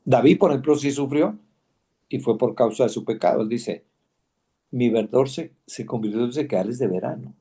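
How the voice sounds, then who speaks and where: Earnest man with a mellow voice. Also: mid-range voice. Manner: earnest, halting, repeats phrases. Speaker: Bible class teacher. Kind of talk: personal testimony in a class.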